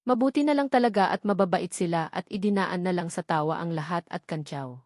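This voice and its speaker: This audiobook narrator, a woman with a Filipino accent, reads a scripted romance told in the first person. Her voice is on the low side and darkish, her delivery brisk. The recording is dry and studio-clean.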